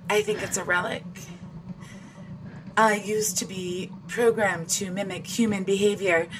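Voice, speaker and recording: A woman's voice: mid-range voice, steady tone, a little slow, slight background noise, close to an everyday voice, low-quality recording. An actress playing a playful female android who reads minds and taunts her opponent with laughs. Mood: teasing. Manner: teasing, mocking, laughs between lines. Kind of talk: audio drama acting.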